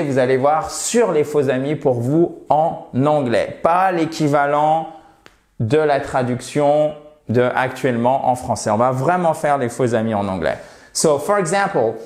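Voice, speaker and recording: Slow-paced male English teacher. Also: mid-range voice, darkish tone, reverberant. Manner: addresses viewers as "chers amis", models English example sentences. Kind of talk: French-language English lesson.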